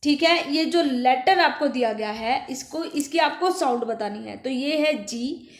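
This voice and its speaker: Woman schoolteacher for a children's phonics lesson; high voice, patient repeat-after-me delivery, roomy echo. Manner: asks questions and answers them herself, repeats words slowly. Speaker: teacher. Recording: echoey room.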